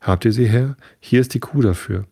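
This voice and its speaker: A man reading a storybook and voicing an eager, poor tenant farmer with a creaky voice. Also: medium pitch, moderate pace, warm tone. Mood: pleading.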